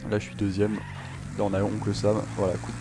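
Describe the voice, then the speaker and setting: Here a man with a fairly low, monotone voice speaks a little quickly, casually narrating his racing game as a gaming channel host. Game audio and music play behind his rambling, joke-filled talk, which is packed with fillers and restarts.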